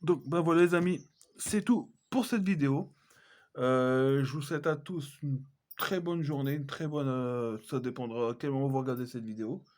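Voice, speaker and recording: A man talks through his film collection in a relaxed, casual way. He hesitates often, filling pauses and correcting himself mid-sentence, at an ordinary middle pitch. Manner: chatty, hesitant, many fillers and self-corrections. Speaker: collector vlogger. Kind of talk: casual unboxing chat.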